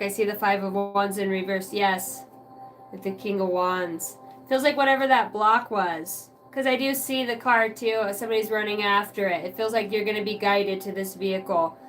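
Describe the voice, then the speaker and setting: A woman's voice: mid-range voice, fairly bright tone. Casual woman giving a rambling tarot reading. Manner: casual, rambling, many fillers and mild swearing. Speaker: tarot reader. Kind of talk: live tarot reading for viewers.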